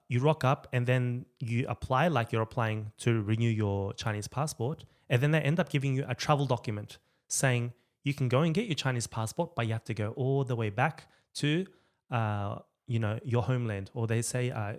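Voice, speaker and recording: Australian man, loose casual talk. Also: mid-range voice. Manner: loose, restarts often, many fillers. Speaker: guest, rights activist. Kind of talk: casual interview chat.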